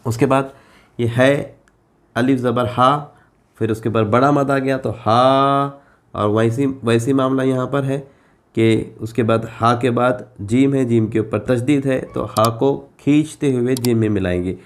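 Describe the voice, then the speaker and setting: Male Quran reading teacher, Urdu accent, very slow and patient, stretches sounds for pupils. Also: mid-range voice, steady tone. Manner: drawls example syllables slowly and at length. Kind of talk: slow explanatory lesson.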